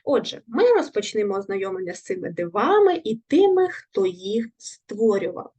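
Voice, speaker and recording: A woman teaching a recorded lesson to young children, speaking clearly and patiently, asking questions and praising her pupils. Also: medium pitch, very animated, normal speed, dark tone. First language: Ukrainian. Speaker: primary school teacher.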